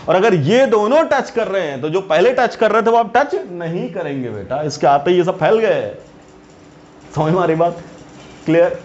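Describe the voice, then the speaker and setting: A male teacher giving a lecture, who keeps checking with his students and calls them "beta". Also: high-pitched. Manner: keeps asking the students questions. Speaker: chemistry teacher. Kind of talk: classroom lecture. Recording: dull lo-fi recording, faint hiss.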